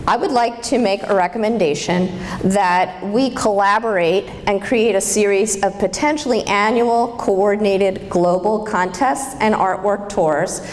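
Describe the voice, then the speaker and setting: A woman giving a conference presentation, earnest and enthusiastic, speaking in a convention hall. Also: medium pitch. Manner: enthusiastic, earnest with some restarts. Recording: faint hall reverb with light noise.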